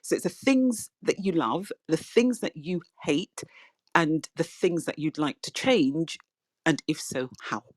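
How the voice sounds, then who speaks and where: A woman's voice: sits low, lively intonation, a little slow, no echo, poor audio. A woman hosting an interview, asking a long rambling question full of fillers and restarts. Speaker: podcast host. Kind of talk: casual interview on a social audio app.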